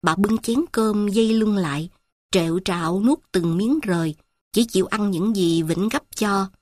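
A woman narrating a literary story in a slow, measured, reflective way. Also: medium pitch, darkish tone, dry recording, studio quality.

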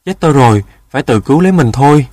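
A man's voice: medium pitch, animated, moderate pace, no echo, natural voice. A man voicing a greedy, foolish male rooster in a storybook tale, boastful and easily panicked.

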